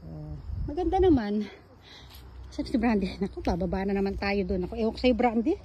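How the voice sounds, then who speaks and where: With a mid-range, dark-toned voice and lively intonation, a woman talks briskly while filming a walking vlog on her phone. She chats to her audience and calls her dog in a sing-song voice, sometimes winded, in a hillside garden and dog run with slight background noise.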